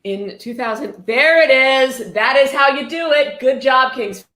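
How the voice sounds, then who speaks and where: She's tipsy, hosting a laid-back livestream where she reads passages out and swears freely through sarcastic, irreverent commentary. Her high voice sounds pushed and bright, unhurried, and the recording carries an echoey, roomy quality.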